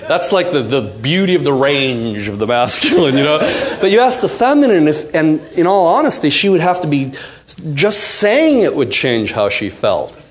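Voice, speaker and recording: A man's voice: on the high side, normal speed. A man teaching a live seminar to an audience, acting out quotes and asking the room questions. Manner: animated, acts out quotes, asks the audience questions. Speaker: workshop teacher.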